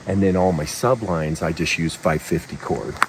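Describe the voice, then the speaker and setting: Speaking at normal speed in a low-pitched voice, the man guides a relaxed walkthrough of a backcountry camp, keeping his words plain and his voice hushed. The mic is placed at a distance, so outdoor background noise comes through.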